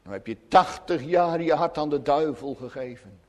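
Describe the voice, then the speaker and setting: A man's voice: a little high, moderate pace, lightly acted. A man voicing a sly, scheming devil who tempts and mocks churchgoers. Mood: coaxing. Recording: long church reverb.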